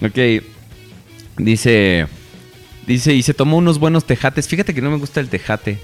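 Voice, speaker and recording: A Mexican man chatting on a podcast with a lively, swooping voice. He tells jokes and stories and laughs easily. Faint guitar music plays behind him. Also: mid-range voice, a little slow. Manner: joking storyteller, laughs often. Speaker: podcast co-host. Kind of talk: casual chat.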